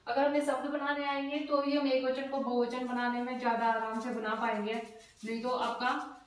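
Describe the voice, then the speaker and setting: Female teacher, patient and repetitive, higher voice, very roomy and off-mic. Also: little pitch movement, distant mic. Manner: patient, repeats each word slowly. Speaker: language teacher. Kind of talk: explaining a lesson. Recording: very echoey room, voice off-mic.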